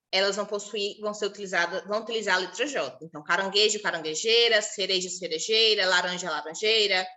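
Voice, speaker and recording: Bright-voiced woman teacher, drawn-out examples. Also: medium pitch. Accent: Brazilian Portuguese. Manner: explains slowly, repeating syllables and examples aloud. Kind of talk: recorded online class.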